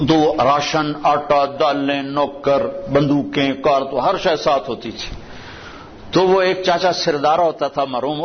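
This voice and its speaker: Preacher with a lilt. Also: male voice. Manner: storytelling, recites Arabic verses in a low measured voice. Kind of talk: sermon. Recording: dull lo-fi with faint noise.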